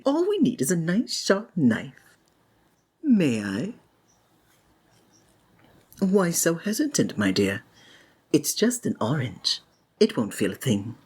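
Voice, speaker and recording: Taking on the role of a flamboyant and sinister male stage magician for ASMR, a woman speaks in a low, slightly mellow, exaggerated voice. The delivery is theatrical and flowery, honeyed and breathy, frequently sinking to a whisper.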